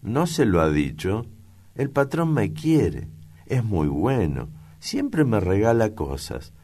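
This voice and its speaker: A man's voice: on the low side, sing-song, slow pace, dark tone, voice pushed up, full character voice. A man voicing a naive, sweet young country girl. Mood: eager.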